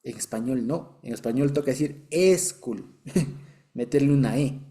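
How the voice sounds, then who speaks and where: Unhurried and warm, his medium-pitched voice carries an Ecuadorian accent as he leads a Bible study. He explains patiently, checks repeatedly that everyone understands, and occasionally chuckles.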